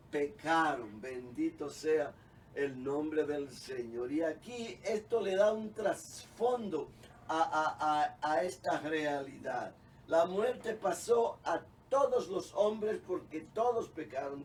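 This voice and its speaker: A man's voice: high voice, a little mellow, distant mic, a little hiss or hum. A middle-aged man preaching a sermon as pastor, fervent, drawing out the ends of his phrases and calling his listeners "beloved". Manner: fervent preaching, drawn-out phrase endings, calls listeners "amado".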